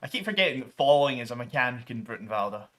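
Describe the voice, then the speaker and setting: Male gaming streamer, bright forward voice, chatty and rambling, casual commentary over gameplay. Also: medium pitch, animated, fast talker. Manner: rambling, many ums and restarts, mild swearing substitutes.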